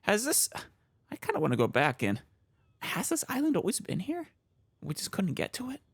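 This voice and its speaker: A woman's voice: mid-range voice, huge pitch swings, moderate pace, husky, no echo. A woman doing casual let's play commentary, musing aloud and reacting as she goes. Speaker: let's player.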